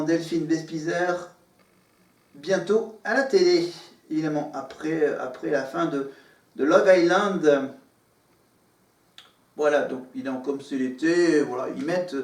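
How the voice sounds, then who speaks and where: Rambling man in an echoey room. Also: a little high. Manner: meandering, full of filler words and restarts. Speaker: vlogger. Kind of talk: rambling casual monologue to camera. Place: living room at home, in front of a green screen. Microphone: camera. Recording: echoey room, far from the mic.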